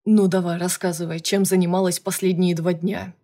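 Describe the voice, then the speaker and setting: A woman's voice: fairly low pitch, fairly even intonation, moderate pace, a little mellow, breathy edge. A brusque male director who barks orders and jabs with sarcasm , as a woman narrator puts him on. His lines come clipped and commanding, read as part of an audiobook. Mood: sarcastic. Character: brusque male boss, gruff and jealous. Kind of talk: audiobook character reading.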